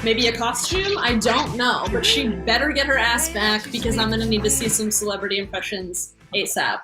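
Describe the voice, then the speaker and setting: Woman host, upbeat, brisk, fairly high voice, music playing under her. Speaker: game show host. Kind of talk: live online game show hosting.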